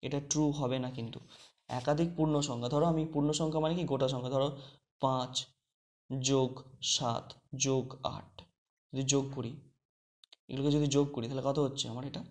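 Fast-talking male maths teacher. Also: medium pitch, fairly even intonation, a little mellow. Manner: explains step by step, asks the class questions often. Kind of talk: online maths lesson.

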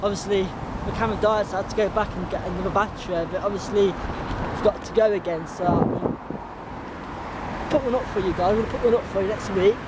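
A man in his twenties with an English accent vlogs while riding a bicycle along suburban roads, his high voice steady and fast. He chats to viewers in a casual, rambling, informal way. The handheld camera held at arm's length picks up very noisy wind and traffic.

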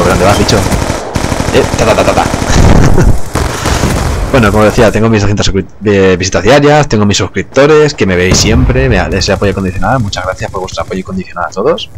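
Young guy doing gameplay commentary, lowish voice, laid back, gunfire going off behind him. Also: background noise. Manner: relaxed, chatty, swears casually, laughs often. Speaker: gaming youtuber. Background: game gunfire and explosions.

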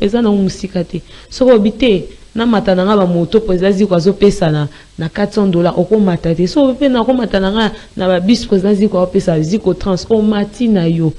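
Mellow-voiced Congolese woman spokesperson. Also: fairly low pitch. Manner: emphatic and repetitive, mixing French and Lingala. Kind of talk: promotional pitch in an interview.

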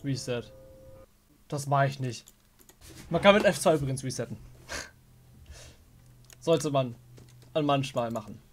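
A young German man hosts a gaming video, commenting on a horror game as he plays. His medium-pitched voice is animated but slow, with frequent pauses and slight background noise. He's jumpy, mutters under his breath, talks to the game characters, and yelps at the scares.

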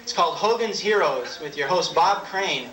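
High-voiced young male comedian, roomy live stage. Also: expressive, a bit bright. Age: 20s. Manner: halting, offhand delivery. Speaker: stand-up comedian. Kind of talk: live stand-up comedy with props. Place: small dark theatre stage with audience. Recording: roomy old videotape, distant, audience noise. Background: audience laughter and crowd noise.

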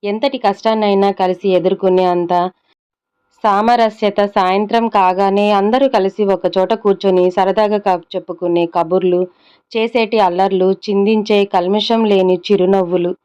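A kind-hearted young woman who loves the countryside, voiced by a woman narrator. She speaks earnestly, with a smooth, clean tone. The recording sounds dull and lo-fi. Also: mid-range voice, steady tone, moderate pace, a little mellow, natural voice. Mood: rapturous. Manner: earnest, poetic.

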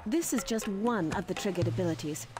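A woman acting as a calm game tutorial guide, narrating in a measured, instructive nature documentary manner. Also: medium pitch, close to an everyday voice.

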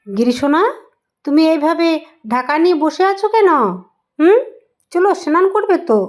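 A woman playing a mother in a doll role-play vlog, coaxing and affectionate, gently scolding. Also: very high voice, moderate pace.

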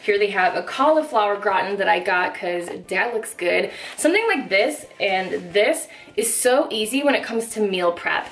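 A woman's voice: medium pitch, expressive, moderate pace, few pauses, a bit bright. A young woman filming a casual grocery haul vlog in her home kitchen, talking to the camera in an upbeat, chatty way full of "like" fillers. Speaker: vlogger.

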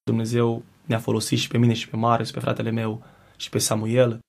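Creaky-voiced man giving earnest testimony. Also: medium pitch, monotone, a little mellow. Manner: earnest, reflective, with hesitant restarts. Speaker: guest singer. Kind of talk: personal faith testimony. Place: TV studio.

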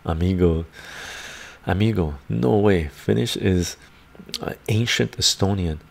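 An older man, chest congested, speaks unhurriedly in a low, creaky voice. He's hosting a laid-back livestream from a room of bookshelves at home, reading viewer comments out loud with a chuckle and rambling on, with a desk mic in front of him.

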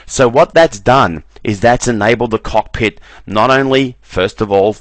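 A man giving a relaxed screen-recorded software walkthrough, often repeating "very, very" as he clicks through menus. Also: medium pitch, a little slow, no echo. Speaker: software trainer.

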